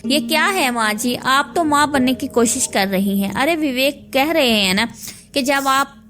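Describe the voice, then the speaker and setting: A woman voicing a sharp-tongued young bride. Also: high voice, measured pace, faint music behind. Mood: accusing. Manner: sharp, accusing. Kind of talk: animated story dubbing.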